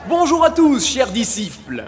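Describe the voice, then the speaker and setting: Guy doing super high pitched cult herald, zealous, big ceremonious announcing, audio drama. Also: wildly swooping pitch, unhurried, some chatter behind, a little hiss or hum, full character voice. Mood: fervent. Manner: ceremonious, declamatory.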